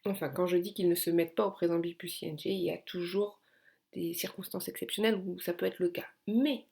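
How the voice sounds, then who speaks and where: A woman walks learners through a grammar lesson, patient and clear, leaning on the words that matter. Her voice carries a gravelly, creaky edge at the bottom of her phrases. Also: fairly low pitch, steady tone, brisk, a little mellow. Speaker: English teacher.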